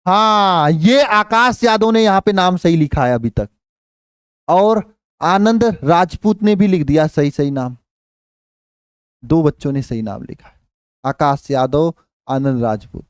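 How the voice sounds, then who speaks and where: A man's voice: a little high, smooth, no echo. Hindi-speaking man teaching chemistry, dry close sound. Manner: counts aloud slowly, asks questions and repeats answers. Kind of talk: live online class teaching.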